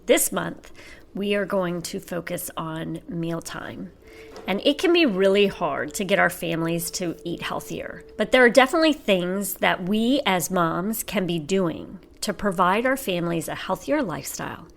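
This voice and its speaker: A woman's voice: fairly low pitch, moderate pace, vocal fry, a little hiss or hum. A middle-aged woman hosting a podcast as a personal trainer and health coach, talking casually and animatedly, laughing as she tells stories. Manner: chatty and animated, laughs while telling stories. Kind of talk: casual solo podcast talk.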